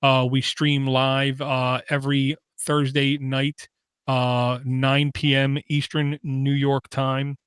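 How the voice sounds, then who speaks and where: Smooth flat-voiced man hosting a podcast. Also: medium pitch, slow, no room sound, studio quality. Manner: steady, many "uh" fillers, reads out contact details. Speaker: podcast host. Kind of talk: casual sign-off chat.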